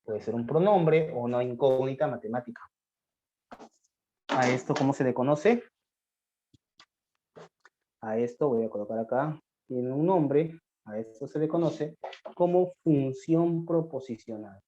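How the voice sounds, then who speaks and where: A man teaches a math lesson in a mellow, dark voice. He takes on his students' questions and answers them, often slowing to a dictation pace. The recording is dull and lo-fi. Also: mid-range voice. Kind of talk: classroom lecture on logic. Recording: dull lo-fi sound.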